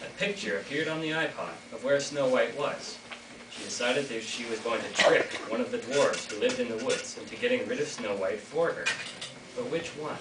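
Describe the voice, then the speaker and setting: Narrating a fairy tale for a school reader's theater, a teenage boy jokes playfully with his audience in a mid-range voice at normal speed. He is captured from far off in an echoey classroom or hall, and the recording is noisy.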